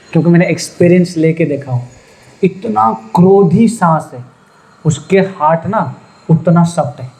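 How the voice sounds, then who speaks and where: A man's voice: on the high side, a little mellow. A man preaching a sermon as a story, acting out its characters and quizzing his listeners with questions. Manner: acts out quoted characters and quizzes the audience; apologetic, humble asides.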